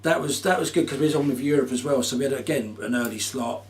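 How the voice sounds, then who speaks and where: A man's voice: mid-range voice, quick pace, far from the mic. A man in a casual interview, telling stories about touring in a chatty, slangy way and laughing often. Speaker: band musician, interviewee. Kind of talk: casual chat.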